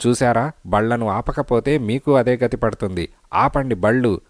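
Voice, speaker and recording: A threatening bandit from a cartoon story yells his orders and warnings, as a male narrator acts him out. The voice stays low under the shouting, and the recording is dry and close. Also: measured pace, dry recording, close to an everyday voice. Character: menacing male forest bandit, loud and threatening. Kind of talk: storybook character voice.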